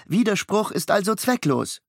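A man's voice: sits high, sing-song, moderate pace, creaky, no echo, clean studio sound, pitched above the performer's own voice, heavily acted. Curt AI nanny, female voiced by a male narrator, clipped, formal, storybook. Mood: firm.

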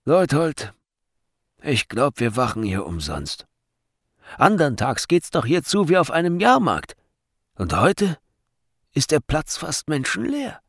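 A man voicing a gruff, bullying soldier guard in a storybook reading, talking in loud, commanding barks. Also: a little high, huge pitch swings, slow pace, pauses often, no echo, studio quality, pitched above the performer's own voice, full character voice. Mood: grumbling.

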